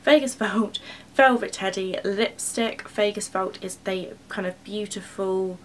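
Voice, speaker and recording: A woman's voice: mid-range voice, unhurried, a little hiss or hum. A twenty-year-old woman chatting casually and gushing as she reviews her favourite beauty products. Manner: bubbly, rambling and gushing. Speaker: beauty vlogger. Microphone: camera mic.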